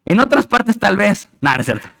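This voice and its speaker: A male pastor preaches to his church in an emphatic way, pressing his listeners with question after question. His voice sits a little higher than most men's. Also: big pitch swings, fairly quick, vocal fry, sharp tone, low-quality recording. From Mexico. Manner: emphatic, rhetorical questions to the congregation. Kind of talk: sermon. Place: church sanctuary.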